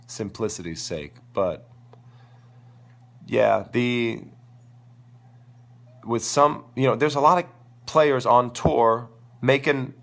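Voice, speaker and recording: A tennis coach hosts a live-stream Q&A, his medium-pitched, fairly bright voice gone crackly and gravelly from a sore throat as he loses it. He talks with enthusiasm, rambling and thinking out loud.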